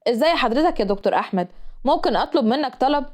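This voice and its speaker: A woman's voice: high voice, expressive, very fast. A woman voicing a teasing young male student with an Egyptian accent. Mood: cheeky. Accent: Egyptian Arabic. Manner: teasing, cheeky.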